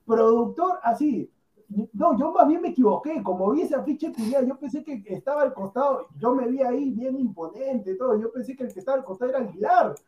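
A man with a Peruvian accent, trading loud, teasing football taunts as a sports talk panelist. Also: extremely high pitch, expressive, fairly quick, reverberant, muffled recording. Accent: Peruvian Spanish. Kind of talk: heated football banter.

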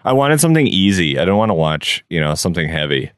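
A man's voice: low voice, sing-song, fast talker, clear, resonant tone, no echo, studio quality. A man co-hosting a podcast, chatting casually outdoors in a backyard. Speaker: podcast co-host. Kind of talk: casual chat.

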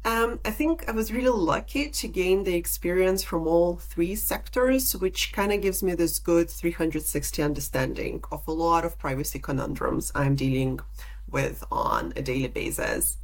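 A woman from Lithuania with a low-pitched voice, speaking as a podcast guest. She explains her points in a measured, articulate way. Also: poor audio. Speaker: podcast guest, data protection officer. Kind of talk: interview answers.

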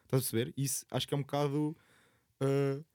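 A man's voice: medium pitch, flat delivery, fast talker, mellow, dry recording, studio quality. A young man chats casually in a slangy, sweary, rambling way. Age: young adult. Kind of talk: casual chat.

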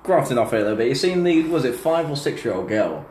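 A man's voice: mid-range voice, big pitch swings, fast, darkish tone. A man with a British accent, chatting casually as a podcast guest. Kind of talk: casual banter. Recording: echoey room with faint noise.

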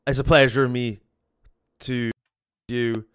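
A man's voice: mid-range voice, level tone, slow, clear, resonant tone. Young South Welsh male podcast host, chatty interview style, heavy on fillers. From South Wales. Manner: chatty, upbeat, frequent fillers and repeats. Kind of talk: casual interview chat.

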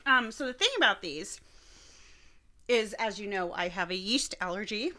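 A young woman co-hosting a casual snacking podcast, giggly and animated, telling a legend. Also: mid-range voice, normal speed. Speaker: podcast co-host. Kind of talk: casual chat and storytelling.

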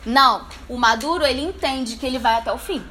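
A woman pastor preaches to a live audience at a church leadership meeting. She is lively and playful and speaks straight to her listeners. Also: high-pitched, brisk, a little hiss or hum.

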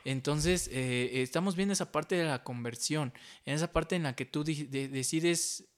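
Man, interview host, emphatic, echoes guest, higher pitch. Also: moderate pace. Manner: summarizes and finishes the guest's sentences, emphatic. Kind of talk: interviewing, faith talk.

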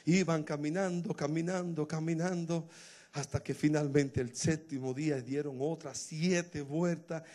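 A man preaching a sermon, retelling a scripture story and rising to emotional shouted exclamations. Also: a little high, steady tone, measured pace.

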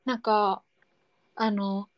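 A woman's voice: medium pitch, level tone, very slow, no room sound, dull audio. A woman co-hosting a podcast in casual chat, talking keenly with many fillers, recorded outdoors on a city street at night. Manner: chatty, enthusiastic, many fillers. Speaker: podcast co-host. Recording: outdoor street noise, passing traffic.

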